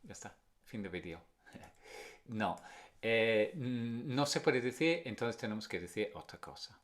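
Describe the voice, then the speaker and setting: Slow-talking English teacher explaining in Spanish. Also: male voice, on the low side, expressive. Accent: English speaker. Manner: chatty, mixes Spanish and English, models pronunciation slowly. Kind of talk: casual video lesson.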